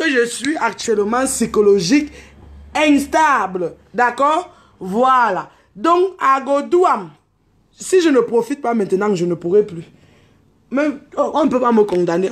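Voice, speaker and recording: A woman, telling a story in an animated, unscripted rant to camera and mixing in street slang. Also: fairly high pitch. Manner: exclaims and calls out to others. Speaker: online video host.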